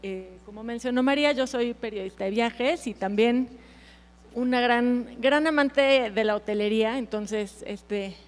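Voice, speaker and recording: A woman's voice: a little high, unhurried. A woman with a Mexican accent moderating a panel as a travel journalist, welcoming. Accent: Mexican Spanish.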